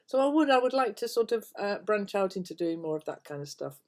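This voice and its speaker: A woman's voice: medium pitch, animated, brisk. Older woman chatting in a hesitant ramble. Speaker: vlogger chatting to viewers. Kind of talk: casual rambling chat to camera. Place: at home, indoors.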